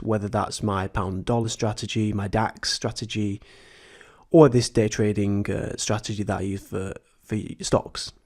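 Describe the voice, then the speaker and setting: A man with a sore throat and a slightly croaky voice, hosting a chatty, earnest tutorial as a trading educator, speaking. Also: on the low side, a little mellow. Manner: chatty, earnest, with frequent restarts. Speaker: trading educator, channel host. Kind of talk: tutorial explaining a method.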